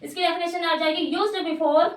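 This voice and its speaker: A woman teacher with a very high voice explains grammar, asking her own questions and answering them. She sounds some way off the mic, and the room around her is echoey. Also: fairly even intonation, normal speed, far from the mic. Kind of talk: English grammar lesson in Hindi.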